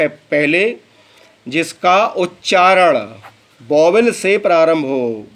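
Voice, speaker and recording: A man's voice: high voice, fairly bright tone. A man teaching English grammar, who spells words out letter by letter and calls his students "beta". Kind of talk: classroom lesson.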